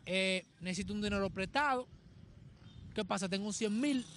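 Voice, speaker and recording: A man's voice: high voice, moderate pace, a bit bright, a little hiss or hum. A man explaining ideas through everyday examples in a casual podcast chat, often asking if he's understood. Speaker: podcast co-host.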